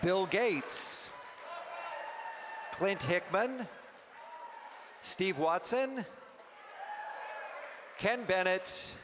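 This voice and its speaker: A man's voice: high voice, lively intonation, crowd noise. Man emceeing in a reverberant banquet hall. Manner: unhurried, chatty, a little halting. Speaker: event emcee. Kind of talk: event hosting announcements. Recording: long hall reverb, faint noise.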